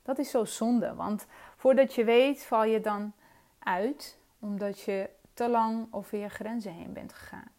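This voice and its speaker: A woman's voice: on the high side, steady tone, measured pace, dark tone. A middle-aged woman hosting her own coaching podcast, talking earnestly and reflectively with frequent hesitations. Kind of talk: personal solo podcast talk.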